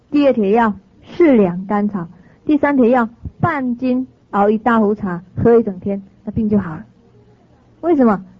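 A woman teaching a sermon through lively stories, often laughing and correcting herself. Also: mid-range voice, breathy edge, no echo. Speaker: dharma teacher. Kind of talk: storytelling sermon to an audience. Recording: dry, slightly dull lo-fi sound.

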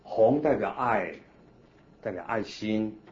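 Low-voiced monk teaching, lo-fi. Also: male voice. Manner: animated, coaxing, leads the group in slow chanting. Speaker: Buddhist monk teaching a class. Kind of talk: Buddhist teaching talk. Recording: dull lo-fi recording with faint hiss.

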